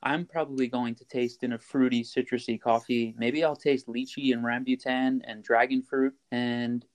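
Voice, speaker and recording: Male interview guest, mid-range voice, relaxed explainer who restarts his sentences. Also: medium pitch, normal speed. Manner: explains steps plainly, frequent fillers and restarts. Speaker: coffee roaster, guest. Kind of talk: casual interview chat.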